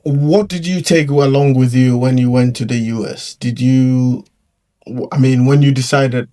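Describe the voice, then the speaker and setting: Mid-pitched man hosting casual chat. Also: fairly even intonation, unhurried, dark tone. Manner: asks questions, chimes in with short affirmations. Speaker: host. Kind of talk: casual conversation.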